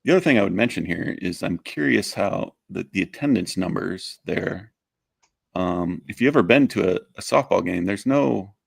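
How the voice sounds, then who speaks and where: A man co-hosting a casual sports podcast, walking through game results and stats in a steady, plain way with frequent fillers. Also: deep voice, normal speed, gravelly, husky, dry recording. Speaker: co-host.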